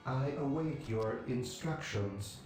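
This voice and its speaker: A man voicing an obedient male cyborg servitor builder in a video game, his flat, dutiful replies run through an echoing machine filter. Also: mid-range voice, takes it slowly. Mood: mechanical obedient. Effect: robotic echoing machine filter. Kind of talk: video game unit responses. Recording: heavy echo over game music.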